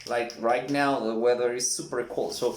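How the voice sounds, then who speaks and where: A man teaching English vocabulary in a lesson, acting out each example in an animated way. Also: medium pitch, slight background noise. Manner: slow, animated, acts out examples. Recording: echoey room.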